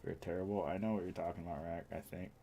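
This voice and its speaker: A man's voice: low voice, fairly even intonation, fairly quick, vocal fry, warm tone. A young man livestreaming from his home setup, joking, teasing and reading his chat aloud in a casual way. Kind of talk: casual live-stream chat.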